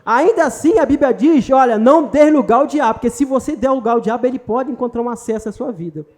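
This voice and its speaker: A man's voice: extremely high pitch, fast talker, a little mellow. A man. He is emphatic but chatty, mixing jokes into his sermon and calling out directly to the congregation in front of him. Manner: emphatic and conversational, joking and addressing the congregation directly. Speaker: pastor. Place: church retreat hall.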